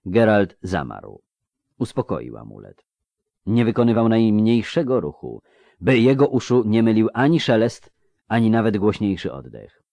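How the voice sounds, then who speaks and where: A man narrates a fantasy audiobook with a tense, suspenseful reading. His voice is low and very lively in pitch, and the recording is close and dry. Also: a little slow, vocal fry, dry recording.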